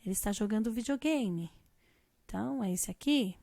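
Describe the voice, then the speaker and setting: A woman's voice: fairly high pitch, expressive, normal speed, gravelly, mellow, no room sound. A woman teacher with a Brazilian Portuguese accent, patiently explaining an English grammar lesson and spelling letters out one by one.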